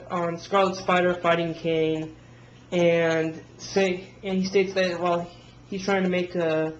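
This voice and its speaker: Man, comic reviewer, high and monotone, rambling self-correcting recaps; dull lo-fi home recording with faint hiss. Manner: rambling plot recaps with frequent restarts. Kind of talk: casual unscripted review.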